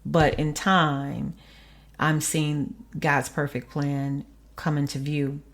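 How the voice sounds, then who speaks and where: A woman hosts her own faith podcast in a low voice. Her tone has a gravelly fry, and she delivers each thought in an earnest, measured, preacherly way. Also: flat delivery. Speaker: podcast host. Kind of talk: reflective faith podcast monologue.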